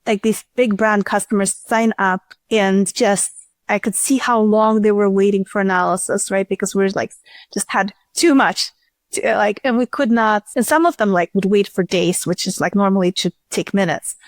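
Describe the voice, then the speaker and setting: Her mid-range voice comes at normal speed in a dry recording. She's a startup chief executive being interviewed, answering in a relaxed, chatty way, frequently starting sentences over and leaning on fillers.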